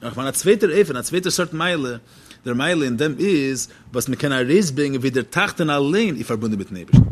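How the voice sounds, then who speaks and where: A man's voice: medium pitch, animated, a little fast. A man giving a religious text lecture as a teacher, posing questions and then answering them.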